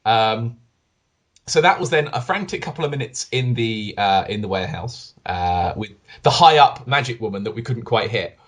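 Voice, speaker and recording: A man with a husky, slightly breathy voice tells a gaming story to his co-host. His pitch swings widely as he gets animated, and he acts out what everyone said. It is loose, casual podcast chat. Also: normal speed.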